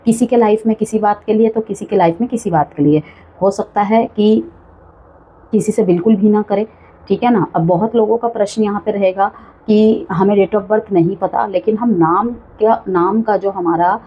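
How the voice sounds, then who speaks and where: A tarot reader with a husky, mid-range voice gives a chatty monthly horoscope at normal speed, full of warnings and frequent check-ins, often repeating "ठीक है." The recording is muffled.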